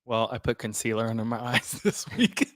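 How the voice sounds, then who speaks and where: A man's voice: mid-range voice, big pitch swings, a little fast, a bit bright. Wry man, sassy comebacks. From Louisiana. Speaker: guest co-host. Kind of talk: casual chat.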